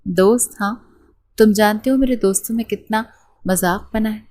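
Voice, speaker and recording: Brief: bitter young wife, hysterical shouting, read by a woman narrator. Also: mid-range voice, natural voice. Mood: furious. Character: bitter spoiled young wife, shrill and scornful.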